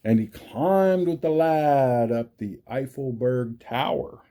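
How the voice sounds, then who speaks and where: A man reading a picture book aloud to children, emphatic, deliberate and theatrical. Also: mid-range voice, dark tone. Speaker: storybook reader for children. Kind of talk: animated read-aloud storytelling.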